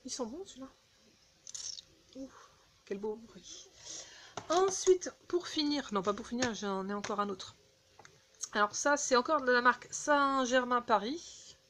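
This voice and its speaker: A woman casually chatting through a beauty haul, halting with fillers and restarts, recorded on a phone indoors. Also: a little high, expressive, background noise. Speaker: beauty vlogger.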